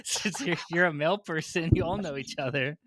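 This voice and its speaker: Bright-voiced young man, laughing and swearing. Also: a little high, moderate pace. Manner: laughs often, swears freely. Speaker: podcast co-host. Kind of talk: casual chat.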